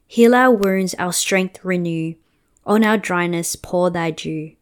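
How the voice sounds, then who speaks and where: A woman reading a liturgical hymn aloud as a church reader, solemnly and deliberately, line by line. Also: lowish voice, smooth. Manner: slow, deliberate, line-by-line phrasing.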